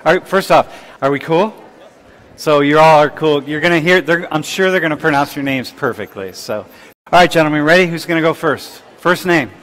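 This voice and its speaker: A man's voice: on the high side, fairly quick, fairly bright tone. A man lecturing at a university, teasingly quizzing students in front of the class. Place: large lecture hall. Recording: hall reverb.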